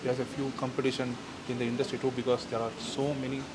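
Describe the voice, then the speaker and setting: A man's voice: mid-range voice, level tone, quick pace. Sri Lankan man at a noisy event. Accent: Sri Lankan English. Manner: earnest, hesitant with fillers. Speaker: award winner, tour company owner.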